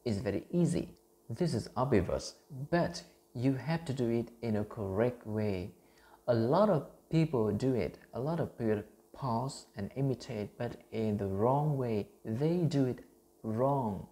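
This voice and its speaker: A man's voice: medium pitch, lively intonation, measured pace, mellow. A man in his thirties from Vietnam with a Vietnamese accent, earnestly teaching English pronunciation into his phone, with many fillers and restarts. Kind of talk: self-recorded teaching vlog.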